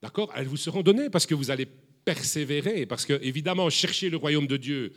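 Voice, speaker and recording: A man preaching a sermon to a congregation, animated, often repeating words and asking the listeners questions. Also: a little high, fairly quick. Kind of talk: lively sermon.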